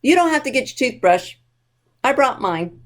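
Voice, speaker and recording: A woman presents a library storytime for young children, reading and chatting playfully straight to them. Her voice sits high and fairly bright, very animated, at a moderate pace.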